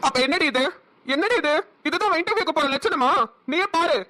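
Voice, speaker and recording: Cartoon: a flustered, explosive brother, Namakkal Tamil accent, high and bright. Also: female voice, lively intonation, fairly quick, heavily acted. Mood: furious. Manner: flustered, stammering then explosive. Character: anxious protective older brother, hot-tempered. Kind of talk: cartoon voice acting.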